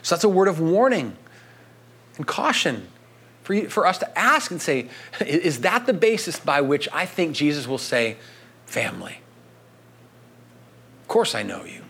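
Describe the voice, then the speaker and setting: A man's voice: fairly high pitch, sing-song, normal speed, a bit bright, breathy edge. A man as pastor preaching a sermon in a conversational way, often checking in with "right?".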